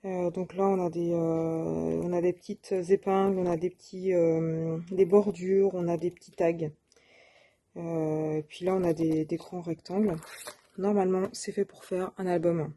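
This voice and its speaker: A woman's voice: on the low side, little pitch movement, a little slow, dark tone. A woman presenting her shopping haul of craft supplies in a casual, hesitant way, with many fillers and self-corrections. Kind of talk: casual show-and-tell.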